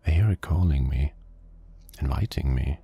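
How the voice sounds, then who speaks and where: A man voicing a weary, grim private detective who narrates a horror game in a slow, flat storytelling manner. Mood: brooding. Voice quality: very deep, gravelly. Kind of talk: scripted noir narration. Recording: game audio under loud music. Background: game music.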